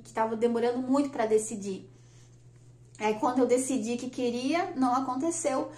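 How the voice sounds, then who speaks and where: A woman, telling a personal story on her vlog in a chatty, lively way and laughing often. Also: on the high side. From Brazil. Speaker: vlogger. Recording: echoey room.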